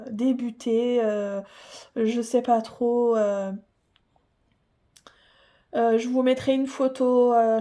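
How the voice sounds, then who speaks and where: Slow, gushing woman vlogger. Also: on the high side, dark tone. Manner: gushing, repeats herself, many hesitant fillers. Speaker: hobby channel host. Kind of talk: casual unboxing vlog.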